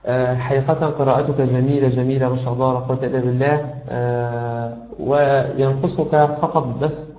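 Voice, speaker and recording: A man teaching Quran recitation, giving patient, encouraging corrections full of drawn-out hesitations. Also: medium pitch, level tone. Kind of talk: instructional feedback on recitation. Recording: roomy, dull lo-fi sound.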